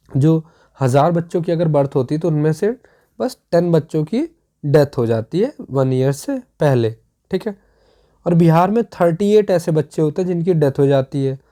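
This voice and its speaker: A teacher with a dark, mellow voice runs through an exam revision lesson. The teacher explains step by step and keeps checking that the class is following. The voice sits in the middle of the usual pitch range.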